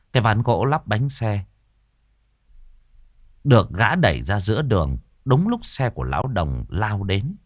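In an earthy, colorful telling, a man narrates a story, his low voice rising and falling vividly. Faint music plays behind him on a dry, close-miked recording.

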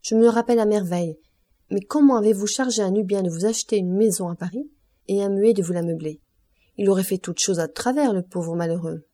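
Her warm, mellow, mid-pitched voice carries a scripted reading of a classic novel for an audiobook. The delivery stays even and measured, and every character gets only a subtle change of tone.

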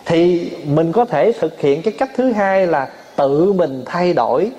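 Male monk, fairly high voice; sermon delivery with lively acted-out anecdotes. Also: unhurried, highs cut off. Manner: storytelling, acts out family quarrels, laughs often. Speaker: Buddhist monk giving a dharma talk.

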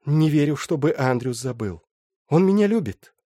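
A man voicing a grieving young woman who speaks softly and pleads, in an audiobook. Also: on the high side, expressive, moderate pace, no room sound, clean studio sound, pitched above the performer's own voice. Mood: tearful. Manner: soft, pleading. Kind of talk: audiobook character voice.

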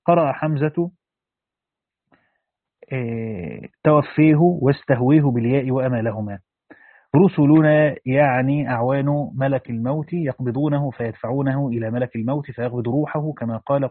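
A man's voice: mid-range voice, dry recording. An Egyptian man reading a religious commentary aloud, breaking into casual explanatory asides. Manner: switches from formal reading to colloquial explaining. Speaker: audiobook reader and explainer. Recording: tinny phone-like dry recording.

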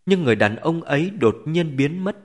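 A man narrating a story in an expressive, scripted storytelling manner. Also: fairly high pitch, a little fast.

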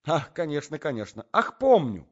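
Brief: male reader doing a confused, fussing middle-aged husband, lively pitch, muffled audiobook. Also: normal speed. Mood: flustered. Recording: dull lo-fi audiobook recording.

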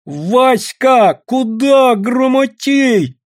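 Brash young village woman, shrill and shouting, husky edge, audiobook character, read by a man. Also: normal speed.

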